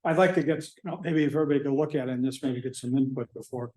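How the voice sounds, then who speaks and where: An applicant, a man at a public meeting, hurried and insistent as he asks for input. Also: medium pitch, a little mellow.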